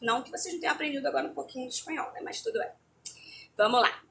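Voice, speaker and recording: A woman's voice: high voice, racing, vocal fry, fairly bright tone. A woman teacher giving a remote lesson, explaining a textbook in a chatty way and often checking in with her students.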